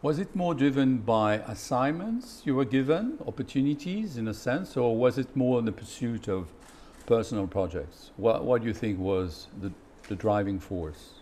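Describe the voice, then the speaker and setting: A man hosting a formal interview, speaking politely and carefully, with frequent pauses. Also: medium pitch, animated, a little mellow, slight background noise. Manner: measured and polite, with frequent hesitations.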